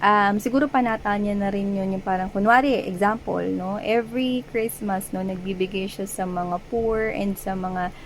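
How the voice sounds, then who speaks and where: Filipino woman tarot reader, relaxed chatty delivery, mid-pitched, slight background hiss. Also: moderate pace, poor audio. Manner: chatty, frequent "no?" tag questions, mixes English and Tagalog. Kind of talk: casual tarot reading.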